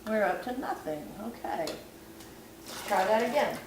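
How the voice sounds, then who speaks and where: This vlogger's voice is failing her, but she keeps her home cooking tutorial chatty and self-deprecating. Her intonation is lively, her pitch mid-range, and her pace measured. It's night in her kitchen, and the far-off camera catches echo and ambient noise.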